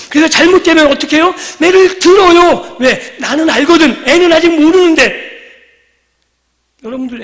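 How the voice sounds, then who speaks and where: A man preaching a sermon in a church sanctuary, his voice sitting unusually high for a man. The long reverb of the hall trails after each phrase. He fires rhetorical questions at the congregation and sinks from forceful emphasis to hushed, whispered line endings. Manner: swings from loud emphatic lines to near-whispered endings. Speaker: pastor.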